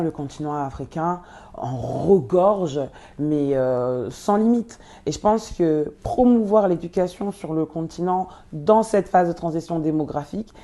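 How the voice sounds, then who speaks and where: Low-voiced woman, halting with fillers. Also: dark tone. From Congo. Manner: hesitant, many fillers and restarts. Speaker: guest, nonprofit co-founder. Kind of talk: interview answers.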